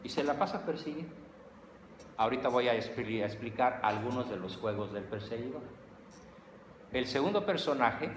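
A man with a Mexican accent giving a lively, humorous lecture, acting out everyday scenes. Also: mid-range voice. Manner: animated, humorous, acts out scenes. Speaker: lecturer on psychology. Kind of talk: lively lecture with acted examples. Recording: echoey hall, faint noise.

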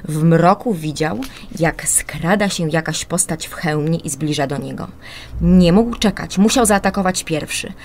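A woman reading a children's story aloud on the radio, expressive and animated. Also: low-pitched, a little slow, slight background noise.

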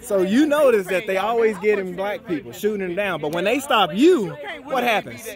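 At a noisy outdoor street protest, a man with a high voice and lively intonation, speaking at a moderate pace, interviews people and preaches scripture in a street debate. He lectures emphatically, firing off rhetorical questions over the crowd behind him.

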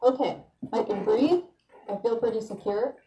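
A woman's voice: on the high side, moderate pace, warm tone, echoey room, dull audio, a little hiss or hum. A woman giving a casual how-to demonstration while speaking through a gas mask, chatty and plainspoken. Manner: chatty, plainspoken, laughs at herself.

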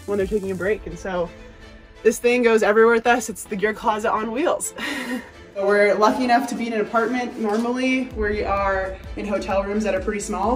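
A woman's voice: mid-range voice, distant mic. A woman in her twenties giving a cheerful, chatty walking tour of a ski truck and apartment, filmed on a handheld phone. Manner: upbeat, chatty, enthusiastic. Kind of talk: casual tour vlog. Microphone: handheld phone camera.

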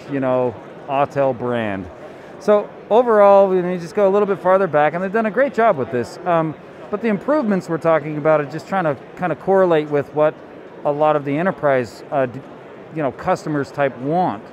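A man's voice: on the high side, a little mellow, slight background noise. A man casually demonstrating a product at a convention booth, loose and enthusiastic with lots of fillers. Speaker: company representative.

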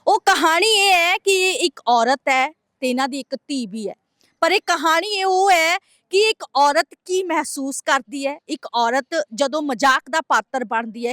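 Woman, interviewer, high voice, earnest and probing, dry room. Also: fairly bright tone, no room sound. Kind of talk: interview questions and intro.

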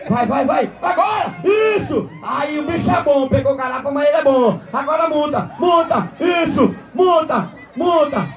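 A man announcing a live rodeo, shouting, joking and egging on the crowd outdoors. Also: very high voice, moderate pace, hardly any pauses. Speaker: event announcer. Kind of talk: live bullfight-style rodeo commentary. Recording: loud crowd and music outdoors.

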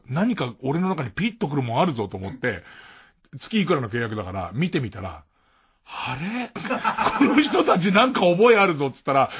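A Tokyo man with a Tokyo accent hosts a late-night radio show, rambling through a casual, self-mocking monologue full of chuckles. His voice is a little high and slightly rough, heard on a muffled mono radio archive.

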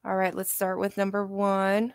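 A woman casually hosting a live commentary stream and chatting with her audience. Her voice is smooth and clear, recorded dry and close. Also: medium pitch, completely flat delivery, normal speed, dry recording. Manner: chatty, laid-back, talks to her chat. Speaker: commentary channel host.

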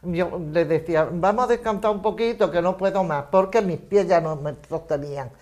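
Older woman telling her story slow and steady, does the voices of the people she quotes. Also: fairly low pitch. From Spain. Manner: measured storytelling, voicing quoted dialogue. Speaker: eyewitness interviewee. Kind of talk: personal testimony.

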